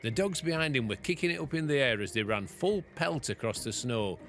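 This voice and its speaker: A farmer reading a story from his own book aloud in a steady storytelling manner. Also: medium pitch, fairly quick, faint music behind.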